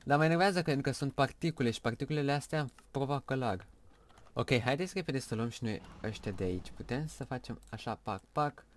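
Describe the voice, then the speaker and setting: A man commentating his own gameplay, swinging from quiet muttering to loud shouts at the screen. His voice sits at an ordinary middle pitch. A steady noisy hiss runs under the recording. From Romania. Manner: excitable, shouts at the game, mutters to himself. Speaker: gaming video host.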